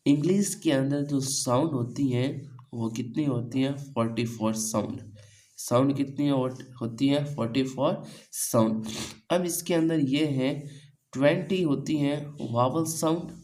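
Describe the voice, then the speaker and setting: A medium-pitched, slightly mellow man from India teaches English pronunciation in a coaching class, asking questions and supplying the answers himself while restating key points as questions to his students. The recording quality is low.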